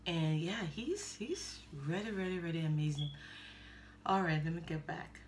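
Speaking at a normal pace with lively intonation, this middle-aged woman has a lowish voice carrying a faint hiss or hum. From her gaming chair in a small room, she hosts a music reaction video, eagerly addressing viewers as "guys" and repeating words in her casual commentary.

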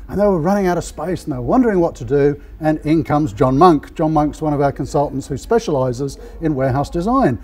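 A man's voice: fairly high pitch, expressive, fairly quick, few pauses, a little mellow, slight background noise. A man in his fifties hosting an interview in a large warehouse, upbeat and chatty, with a lapel mic. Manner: upbeat, chatty, frequent "yeah" affirmations. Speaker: host. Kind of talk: on-site interview.

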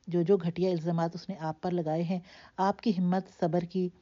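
A woman voicing an earnest, grateful middle-aged man who speaks in a heartfelt, measured way in a storybook reading. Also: on the low side, little pitch movement, warm tone, lightly acted. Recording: dull lo-fi recording.

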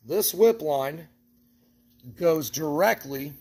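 A man's voice: a little high, expressive, extremely slow, darkish tone. A man from an equipment shop explaining step by step how to build a trailer rig, talking practically while he handles the parts. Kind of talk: hands-on how-to walkthrough.

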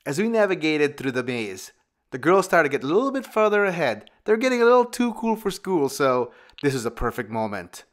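A man's voice: a little high, big pitch swings, a little fast. A man hosting a family travel vlog, talking in an upbeat, chatty way outdoors to a handheld camera. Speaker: vlog host. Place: outdoors at a farm.

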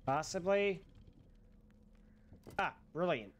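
A man's voice: high voice, expressive, slow pace. A young man giving casual, sarcastic, sweary commentary as he plays a game. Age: young adult. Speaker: gaming streamer. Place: small bedroom-like room indoors.

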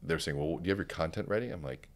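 Recorded close on a stand-mounted studio microphone, a middle-aged man in headphones gives a conversational podcast interview in a studio with a curtained backdrop. His very deep, resonant baritone stays calm, and he measures his thoughts with deliberate pauses, much like a trained speaker coach.

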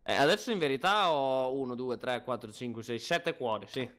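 A young man playing a game, excitable, yelling and repeating words in panic. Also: mid-range voice, normal speed. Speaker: player. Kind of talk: excited gaming banter.

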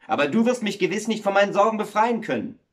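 A man's voice: medium pitch, sing-song, normal speed, close to an everyday voice. A man voicing a worried, luckless miller in a told fairy tale, blurting lines in a raised voice.

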